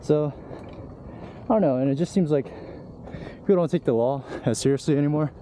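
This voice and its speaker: This young vlogger's voice is a little high, brisk and mellow as he talks loosely to his camera. He's out of breath from hiking uphill on an outdoor trail, speaking candidly, with background noise clearly audible.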